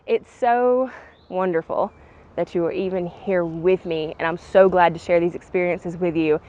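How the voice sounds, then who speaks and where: Speaking at a steady, normal pace, this woman has a lowish, dark-toned voice captured on dull audio. She's a ghost-hunting vlogger out at a bridge, talking casually to her audience and asking spirits questions, while background noise and clicks are clearly audible.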